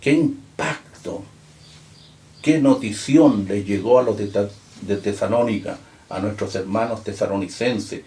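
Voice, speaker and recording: Low-voiced pastor preaching in an echoey church. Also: male voice, a little mellow. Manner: emphatic preaching, slows and rises on key words, reads scripture aloud. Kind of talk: sermon. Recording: echoey room.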